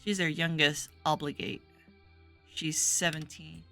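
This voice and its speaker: A composed prioress , read by a woman streamer, makes formal introductions in a measured, courteous manner. The voice is bright and sits a little low. She speaks slowly and gracefully. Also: steady tone, vocal fry, soft background music, heavily acted. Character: composed, formal middle-aged abbess.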